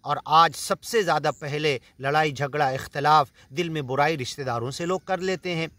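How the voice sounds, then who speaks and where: A man's voice: a little high, bright, forceful tone, no echo. A man from India with an Indian Urdu accent, earnestly explaining Quran verses in a sermon, reciting Arabic lines and then paraphrasing them. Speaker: Quran teacher.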